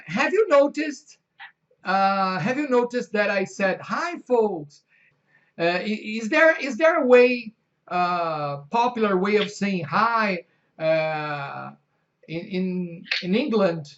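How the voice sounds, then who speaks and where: A man's voice: high-pitched, expressive, a bit bright. Hesitant Brazilian-accented male host. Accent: Brazilian Portuguese. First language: Portuguese. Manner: hesitant, halting with many fillers. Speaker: host, English teacher. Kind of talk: casual interview. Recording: dull lo-fi sound.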